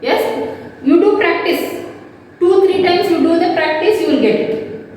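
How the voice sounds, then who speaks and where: A woman teaching a children's class online, explaining slowly and repeating herself step by step. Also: extremely high pitch, a little mellow. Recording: echoey room from far off with faint noise.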